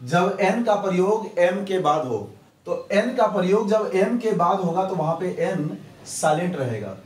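A man teaching English pronunciation in Hindi, repeating each rule slowly and answering his own questions. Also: high-pitched, expressive, soft background music. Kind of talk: Hindi grammar lesson. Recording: echoey room, distant mic.

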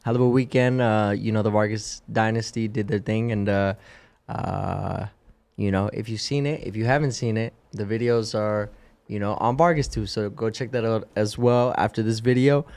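A man's voice: on the low side, steady tone, normal speed, vocal fry, a little mellow. A man hosting a casual podcast, laid-back and hyping, with lots of fillers. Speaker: podcast host. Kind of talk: casual chat.

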